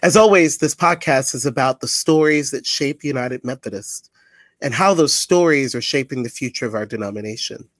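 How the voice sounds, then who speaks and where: Upbeat podcast host. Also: male voice, mid-range voice, normal speed, a bit bright, dry recording. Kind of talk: podcast intro and interview.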